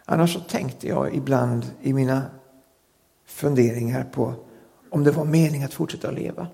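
A man preaches an earnest sermon with a gravelly, creaky edge to his voice. He slows down and presses hard on key phrases. His words ring out with a long hall reverb. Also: medium pitch, mellow.

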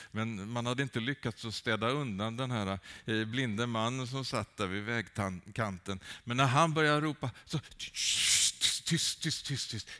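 A man's voice: fairly low pitch, bright, forceful tone. A man preaching a sermon with fervent, rising calls and many hesitant fillers.

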